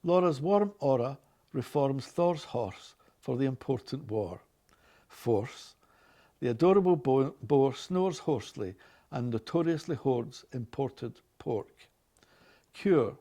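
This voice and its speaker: A man's voice: medium pitch, expressive, slow, warm tone. A man in his late sixties with a Glasgow Scottish accent. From Glasgow, Scotland. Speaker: organist. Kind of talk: reading accent sample passages and word lists aloud; casual chat about his own life.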